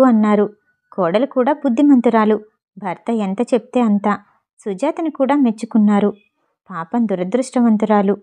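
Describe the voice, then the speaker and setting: A woman narrating a storybook tale with steady, expressive pacing. Her voice sits a little high but warm and mellow, never sharp. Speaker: audiobook narrator.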